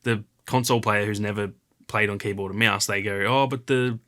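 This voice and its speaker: Male podcast co-host, lowish bright tone, loose rambling chat. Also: a little fast. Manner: rambling, filler-heavy, animated retelling. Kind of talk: casual chat.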